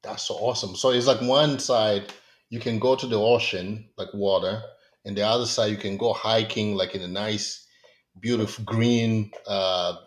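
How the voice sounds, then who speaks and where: A man's voice: lowish voice, fairly even intonation, moderate pace. A man hosting a podcast, asking questions in a loose, enthusiastic way with many fillers. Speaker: podcast host. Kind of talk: casual interview talk.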